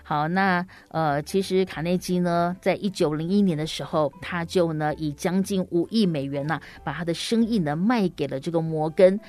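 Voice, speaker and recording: Female children's storyteller, lowish pitch, teacherly and explanatory, talking directly to little kids. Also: a little mellow. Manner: teacherly, addressing little listeners, frequent drawn-out sentence particles.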